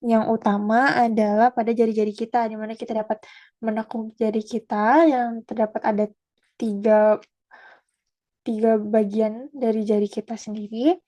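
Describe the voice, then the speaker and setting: A young woman student walks through an anatomy lesson, pausing often and correcting herself mid-word. Her voice sits fairly high but sounds mellow and soft-edged. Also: level tone. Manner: halting, with fillers and self-corrections. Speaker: student presenter. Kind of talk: anatomy presentation.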